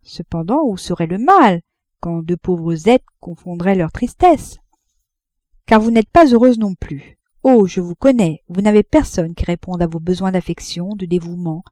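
A woman's voice: lowish voice, expressive, a little slow, a little mellow, no room sound. A woman reading as an ardent young lover. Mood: pleading. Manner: impassioned pleading.

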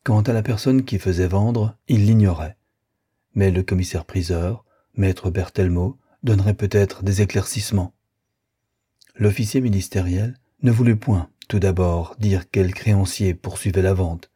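A man reads a classic novel aloud in an audiobook. His voice is strongly husky, dark and somewhat low, and he tells the story in a measured, even way. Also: dry recording, clean studio sound. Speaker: audiobook narrator. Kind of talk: scripted narration of a classic novel.

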